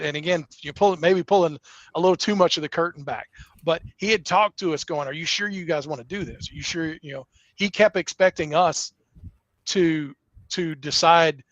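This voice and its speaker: Middle-aged male wrestling promoter, earnest and rambling, slightly high voice, muffled dry recording. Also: normal speed, a bit bright, no echo. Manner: earnest, rambling with many restarts. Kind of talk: casual interview talk.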